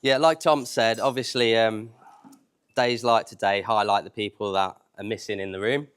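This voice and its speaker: Smooth, low-voiced man giving a wedding speech. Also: steady tone, normal speed, fairly bright tone. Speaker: wedding speaker. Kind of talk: informal humorous wedding speech. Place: wedding reception, live before guests.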